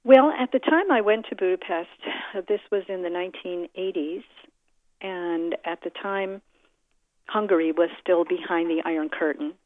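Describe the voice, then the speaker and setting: A middle-aged concert pianist from the United States answers interview questions reflectively, measured and deliberate, often pausing to think. Her voice sits fairly low and sounds dry, with a muffled, narrow-band quality like a phone or radio.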